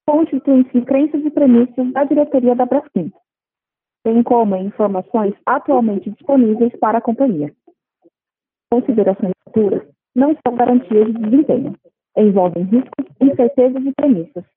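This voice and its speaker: Husky Brazilian woman, customer service voice. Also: fairly high pitch. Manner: polite formal customer service voice. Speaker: conference call operator. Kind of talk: scripted announcement. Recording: muffled lo-fi conference phone line.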